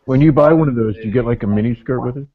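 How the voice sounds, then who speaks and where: A man's voice: mid-range voice, rapid-fire, phone-quality sound, crowd noise. A middle-aged man chatting casually and telling anecdotes in a group. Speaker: motovlogger in a group hangout.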